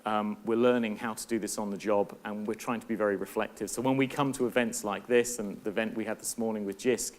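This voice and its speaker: A man's voice: fairly low pitch, steady tone, fast, hardly any pauses. A middle-aged man giving a conference talk as a university professor, earnest and thoughtful, often restarting and repeating words. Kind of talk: conference presentation.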